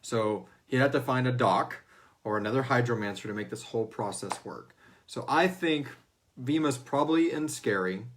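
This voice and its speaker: A man with a mid-range voice speaks at a moderate pace as he hosts a fan Q&A show. He chats casually through listener questions in an informal, jokey way, with plenty of salty language.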